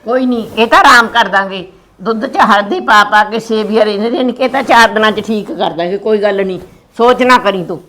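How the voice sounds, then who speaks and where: A woman playing a sharp-tongued older village grandmother who scolds and comforts. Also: mid-range voice, a little fast, natural voice. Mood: soothing. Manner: scolding, then soothing.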